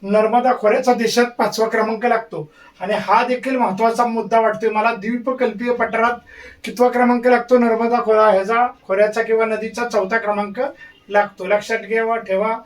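A man's voice: very high-pitched, level tone, brisk, far from the mic. A man teaching an exam-prep lesson, repeating key points and drilling memory tricks.

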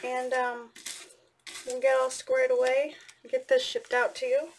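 Woman, higher-pitched voice, unhurried pace, chatty giveaway announcement, informal host, noisy recording with clicks. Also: little pitch movement. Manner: chatty, informal, addressing viewers directly as "you guys". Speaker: host of an art channel giveaway. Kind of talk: casual giveaway announcement to viewers. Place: indoors at a craft table, overhead camera.

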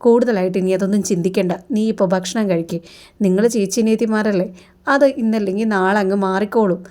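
A woman's voice: mid-range voice, steady tone, fast talker, dark tone, close to an everyday voice. A woman voicing a caring young husband from a TV serial who soothes and explains patiently. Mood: reassuring.

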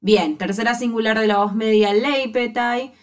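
Woman lecturing slowly over slides. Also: medium pitch. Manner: careful, drawn-out reading of forms. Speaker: teacher.

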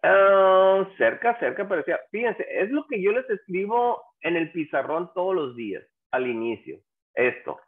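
A man teaches a class at an unhurried pace, patiently drilling example phrases and quizzing his students. His pitch sits a bit high and swings widely as he talks. The sound is thin and narrow, like a phone line. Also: animated. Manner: asks the class questions and prompts them to answer. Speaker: English teacher. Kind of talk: classroom language lesson.

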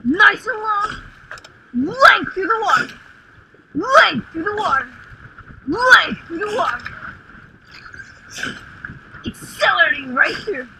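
A young woman coxswain in a rowing shell, calling clipped, rhythmic stroke commands through the boat speaker, building to urgent shouts on the power pushes. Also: very high-pitched, big pitch swings, slow, pauses often. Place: outdoors on the water in a rowing shell. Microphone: coxswain headset mic. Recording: noisy outdoor coxswain headset recording.

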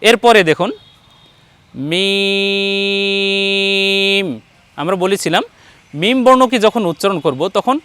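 A man's voice: high-pitched, lively intonation, a little fast, a bit bright, no room sound. A man teaching Quran recitation one-on-one, patiently modelling each letter sound and encouraging his student. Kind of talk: patient one-on-one pronunciation lesson.

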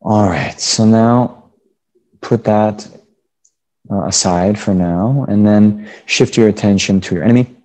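In a low, soft-edged, relaxed voice, a man leads a guided meditation like a Buddhist teacher with students. His gentle instructions come off the cuff in halting phrases.

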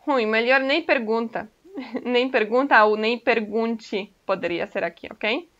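Bright-voiced woman teaching a language. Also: on the high side, unhurried. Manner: patient, explains step by step, often checks in with "ok?". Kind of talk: casual online language lesson. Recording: dull lo-fi recording.

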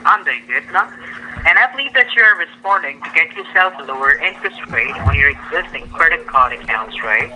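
A man working as a telemarketer, reciting a scripted sales pitch full of stock phrases. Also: lively intonation, brisk, sharp tone. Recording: noisy telephone line.

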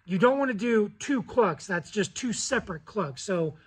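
A man's voice: high-pitched, lively intonation, moderate pace, husky. An American man in his thirties giving a casual, informal spoken tutorial as a hunting-call instructor. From Colorado, United States. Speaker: goose-calling instructor. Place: indoors in a cluttered garage or workshop.

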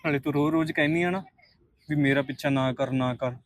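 In a short film drama, a man plays an earnest young suitor who pleads and reasons gently. His voice sits a little high for a man, and he keeps a patient, coaxing tone. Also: steady tone, fast talker, dry recording, lightly acted.

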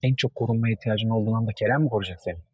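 An actor playing a serious man who speaks calmly and in measured tones about trust and love, in a TV drama. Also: lowish voice, breathy edge, no room sound, lo-fi sound. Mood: grave. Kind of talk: TV drama acting.

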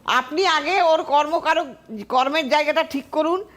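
A woman's voice: high voice, normal speed, a bit bright. A woman astrologer, giving firm, emphatic predictions to callers on a TV call-in show.

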